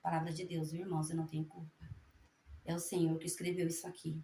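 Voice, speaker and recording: A woman's voice: sits low, level tone, creaky, dark tone, reverberant, a little hiss or hum. A woman giving a fervent spoken testimony and then reading scripture aloud. She speaks in a folksy way, tags her sentences with little questions, and stumbles and corrects herself as she reads. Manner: halting reading with self-corrections. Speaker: evangelical preacher sharing a prophecy.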